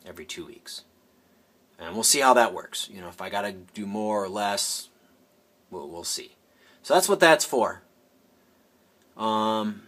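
Deep-voiced man rambling casually. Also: fairly bright tone. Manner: rambling, self-correcting, addresses viewers as guys. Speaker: hobbyist host. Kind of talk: casual walkthrough. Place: home indoors.

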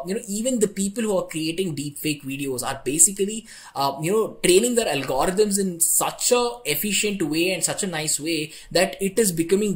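Conversational man. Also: on the high side. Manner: conversational, ends points with "right?". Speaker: online instructor. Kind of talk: casual tech tutorial.

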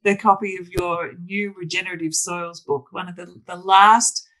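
A podcast host conducts a conversational interview, speaking enthusiastically in long, rambling sentences full of restarts. Her voice is on the low side, steady and fairly bright, at a moderate pace, though the audio quality is poor.

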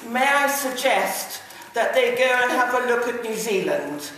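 Older woman, persuasive, somewhat high voice, distant echoey room. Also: animated, unhurried, fairly bright tone, slight background noise. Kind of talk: remarks to a meeting.

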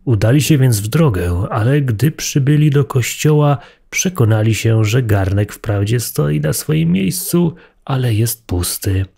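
Guy reading a fairy tale real slow, husky and expressive. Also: medium pitch. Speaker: storyteller.

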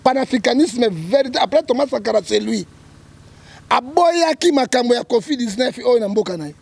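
Male prophet guest, Congolese accent, emphatic commentary; gravelly, husky tone. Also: very high-pitched, expressive, brisk. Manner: emphatic, keeps checking with "hein?", quotes scripture. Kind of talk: political commentary in an interview.

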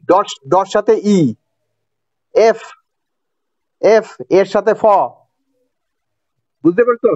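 High-voiced Bangladeshi male teacher. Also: dry recording. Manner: repeats points and checks understanding with questions. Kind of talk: classroom grammar lesson. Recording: dry, dull lo-fi recording.

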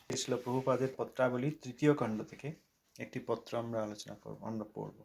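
A man who chants verses slowly, then reads aloud from a religious letter and explains it, repeating and rephrasing each point. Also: mid-range voice, fairly even intonation, gravelly, a little mellow, husky. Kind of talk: devotional reading and commentary.

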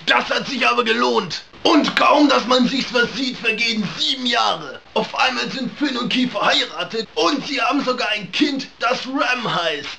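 Brash high-voiced man reviewing. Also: expressive, normal speed, vocal fry, few pauses, noisy background. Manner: brash, crude slangy jokes, often shouting. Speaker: comedic game reviewer. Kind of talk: comedic game review narration.

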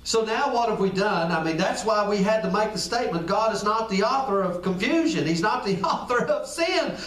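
A man's voice: high voice, lively intonation, normal speed, fairly bright tone. A man preaching a sermon in a folksy, conversational way. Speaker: pastor. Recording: echoey room, picked up from a distance.

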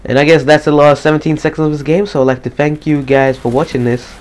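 A man giving casual live gameplay commentary, slightly depressed and monotone, swearing casually. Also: on the high side, fast. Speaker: gaming commentator.

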